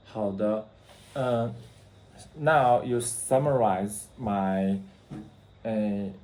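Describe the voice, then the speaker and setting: A man practicing English, speaking haltingly with many fillers and restarts. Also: lowish voice, fairly even intonation, darkish tone, reverberant. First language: Mandarin Chinese. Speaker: English learner. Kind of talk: practice conversation.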